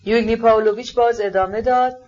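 A woman narrating an audiobook in a steady, measured reading voice. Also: on the high side. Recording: dull lo-fi audiobook recording.

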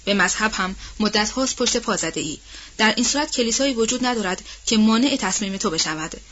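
Give me a woman narrating a novel in a measured voice, on a muffled audiobook track. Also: mid-range voice, lively intonation, fairly bright tone. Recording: dull, muffled audiobook recording.

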